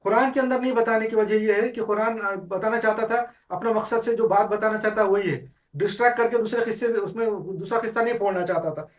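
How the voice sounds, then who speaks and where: A man's voice: high voice, steady tone, brisk, far from the mic, lo-fi sound. A man giving an unscripted Islamic lecture, explaining points step by step with many English words and frequent restarts. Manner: explanatory, mixes English terms into Hindustani; frequent restarts and filler sounds. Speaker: Islamic teacher.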